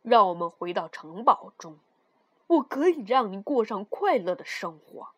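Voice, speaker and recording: A woman voicing a kind young king who speaks softly and soothingly in a storybook reading. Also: sing-song, normal speed, no echo. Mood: gentle. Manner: soft, soothing, lowered voice.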